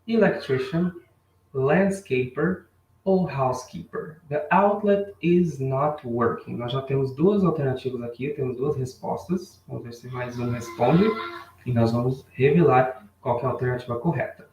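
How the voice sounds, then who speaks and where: A man's voice: mid-range voice, a little mellow, dull audio. Man teaching English, roomy distant mic. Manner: bilingual, repeats English phrases slowly for learners; chatty, greets chat viewers by name. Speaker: English teacher on a live stream. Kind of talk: live online English lesson. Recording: roomy sound, mic a bit far off.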